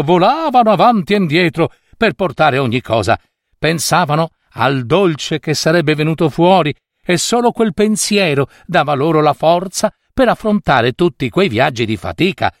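A man reading a fairy tale aloud in an expressive, playful way. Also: fairly high pitch, dry recording, clean studio sound. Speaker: storyteller.

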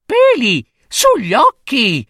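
A man's voice: very high voice, wildly swooping pitch, slow pace, pushed and bright, no room sound, studio quality, voice pushed up, heavily acted. A man doing a cheeky little princess. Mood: teasing. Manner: sing-song teasing rhymes. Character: cheeky little princess girl, bold and teasing.

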